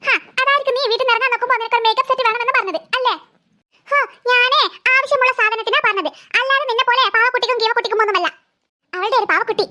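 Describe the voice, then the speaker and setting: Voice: very high-pitched, fairly even intonation, very fast, bright, forceful tone, full character voice. A performer voicing a teasing older sister who mocks her little sister. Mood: snippy. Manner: snippy, teasing.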